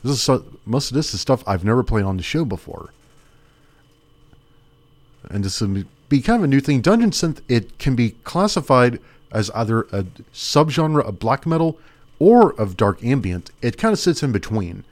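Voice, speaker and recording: A man's voice: mid-range voice, very animated, moderate pace. A man hosting a small radio music show, chatting casually and rambling as he thinks aloud. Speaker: radio host.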